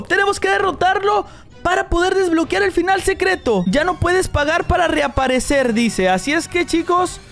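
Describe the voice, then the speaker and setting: An excitable young man calls out his game moves in a very high, bright voice, piling up repeated cheers for his viewers. Faint game music runs under his voice. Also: vocal fry. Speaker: gaming host. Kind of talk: excited Roblox gameplay commentary.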